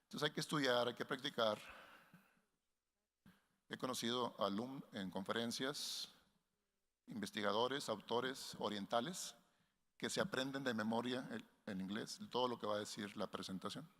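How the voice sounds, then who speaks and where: A man giving a workshop lecture to researchers in a measured way, often restarting phrases and linking ideas with "entonces". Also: medium pitch, a bit bright. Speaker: workshop instructor. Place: conference hall. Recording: long hall reverb.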